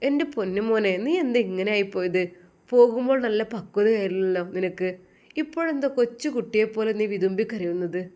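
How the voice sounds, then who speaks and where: A woman's voice: medium pitch, brisk, darkish tone, natural voice. A woman doing a worried loving old mother. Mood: tender. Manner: tender, anxious pleading.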